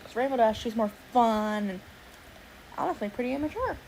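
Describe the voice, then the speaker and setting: A woman's voice: on the high side, expressive, a little fast, gravelly, a little mellow, a little hiss or hum, low-quality recording. A young adult woman streamer chatting casually while she draws, thinking aloud and swearing now and then. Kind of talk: casual livestream chat while drawing.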